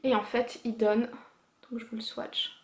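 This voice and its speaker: A woman's voice: fairly high pitch, level tone, a little slow. A woman presenting a casual make-up haul vlog, chatty and enthusiastic, with frequent fillers as she shows her purchases to the camera. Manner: chatty and enthusiastic, full of "voilà" and "euh". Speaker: beauty vlogger. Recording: echoey room.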